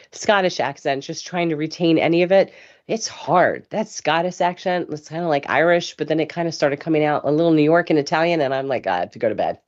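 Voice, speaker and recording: A woman hosting a casual live show, chatty and rambling, with a hoarse voice from a cough. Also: sits low, darkish tone, muffled recording. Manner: chatty, rambling, laughs easily. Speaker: host.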